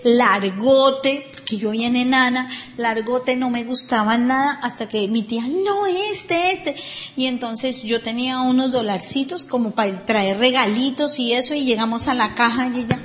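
Animated high-voiced Colombian woman. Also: a little hiss or hum. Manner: animated, sarcastic, acts out people. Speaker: storyteller. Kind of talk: casual anecdote telling.

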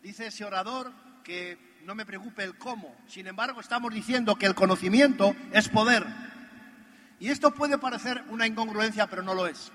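A man with a high, ringing voice delivers a motivational convention speech. He tells stories and presses his points home, talking right at the listener. A long hall reverb trails behind every phrase. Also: moderate pace, pushed and bright. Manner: emphatic, addresses the listener directly. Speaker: motivational speaker at a business convention.

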